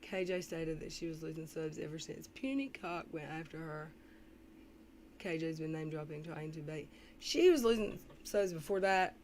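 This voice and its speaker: A woman giving casual reaction commentary on a livestream, often clearing her throat and pausing to read comments. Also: sits low, darkish tone. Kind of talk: casual reaction commentary, reading live chat. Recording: faintly noisy livestream audio.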